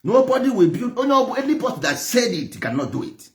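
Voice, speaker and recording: Very high and very animated, this man's voice runs a little fast. He's an Igbo-speaking teacher of traditional religion from Igboland in Nigeria, lecturing fervently with an Igbo accent. Emphatic repetition and rhetorical questions drive his message.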